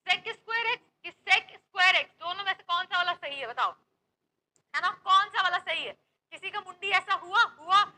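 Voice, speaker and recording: A woman's voice: extremely high pitch, unhurried, pushed and bright, low-quality recording. A young woman from Uttar Pradesh with an Uttar Pradesh accent, teaching a maths class online in a chatty, playful, teasing way. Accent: Uttar Pradesh Hindi. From Uttar Pradesh, India. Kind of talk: lively online class, Hindi-English mix.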